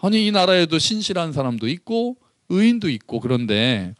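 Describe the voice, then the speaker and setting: A preacher acting out an indignant prophet. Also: male voice, very animated, moderate pace, no room sound, studio quality. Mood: indignant pleading. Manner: complaining, demanding, rising pitch. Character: indignant male prophet pleading with God.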